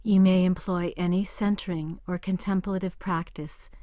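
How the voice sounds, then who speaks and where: A woman guiding a meditation in a soft, calm voice that sometimes drifts into a whisper. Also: lowish voice, normal speed, no room sound, clean studio sound. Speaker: meditation guide. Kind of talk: guided meditation.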